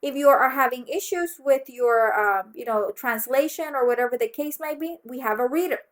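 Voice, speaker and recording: This woman, a Mexican college instructor whose first language is Spanish, speaks with a Mexican accent in a high voice at a normal pace. Guiding students through an online course orientation, she teaches clearly and pauses often to ask "okay?" to confirm they understand.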